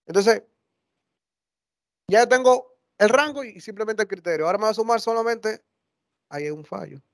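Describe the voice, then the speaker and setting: High-voiced man teaching. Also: moderate pace, no echo, clean studio sound. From Dominican Republic. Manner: conversational, corrects himself mid-sentence. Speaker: workshop instructor. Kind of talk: live software tutorial. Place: classroom or lecture hall.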